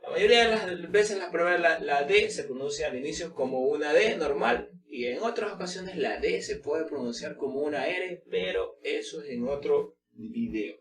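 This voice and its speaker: A man teaching English pronunciation in an informal lesson, explaining slowly with many fillers and repeating example words. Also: fairly high pitch, lively intonation, roomy sound, recorded from a distance, crowd noise.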